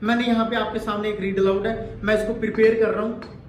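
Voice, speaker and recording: A man's voice: high-pitched, flat delivery, quick pace, a little hiss or hum. A man giving a direct, instructive exam-coaching lesson, repeating his points as he explains. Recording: echoey room with faint ambience.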